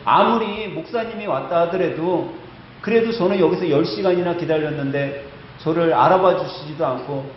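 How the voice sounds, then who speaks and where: A man's voice: a little high, moderate pace, slight background noise, natural voice. A male pastor voicing a hurt, sulking church deacon who complains and pleads after being kept waiting. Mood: sulky. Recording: echoey church hall, slightly dull sound.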